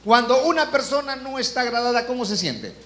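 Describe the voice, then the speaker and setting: A man's voice: very high-pitched, lively intonation, a bit bright, a little hiss or hum. A man, a pastor, preaching a sermon to his congregation, asking frequent rhetorical questions and acting out complaining voices. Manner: acts out complaining voices in quotes; slows down and rises on emphatic Bible quotations. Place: church.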